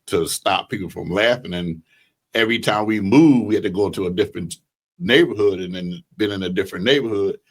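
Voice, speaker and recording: A man, telling life stories as a podcast guest in an unhurried, storytelling way. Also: fairly low pitch. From Southern United States. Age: 70s. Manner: storytelling, unhurried, chuckles now and then. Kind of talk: reminiscing interview talk.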